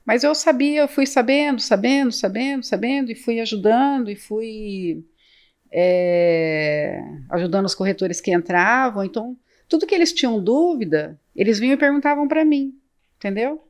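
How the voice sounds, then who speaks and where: A woman's voice: on the high side, expressive, moderate pace, darkish tone. A woman in her late fifties with a Brazilian accent from the São Paulo interior, a business owner telling her story as a podcast guest, chatty and repeating words as she acts out old conversations. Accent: Brazilian Portuguese, São Paulo interior. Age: 50s. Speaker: real estate agency owner, podcast guest.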